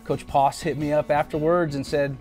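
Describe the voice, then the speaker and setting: A former teammate telling an easygoing story in a documentary interview. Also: male voice, a little high, little pitch movement, moderate pace, darkish tone, soft background music.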